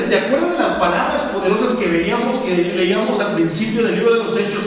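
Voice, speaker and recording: A high-voiced man preaches an expository Bible sermon, reading the verses slowly and questioning his listeners as he goes. He is recorded from far off in a church sanctuary with heavy echo and a long reverb tail. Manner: reads verses slowly, asks the congregation questions. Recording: echoey church hall from far off.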